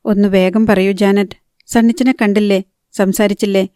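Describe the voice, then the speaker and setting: A woman's voice: mid-range voice, little pitch movement, moderate pace, warm tone, no echo, clean studio sound, natural voice. A woman reading the part of a heartbroken, bitter young woman in an audiobook. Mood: pleading.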